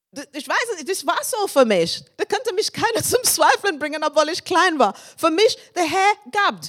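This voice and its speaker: Woman, sermon, animated storytelling, frequent laughter, fairly high voice. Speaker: preacher.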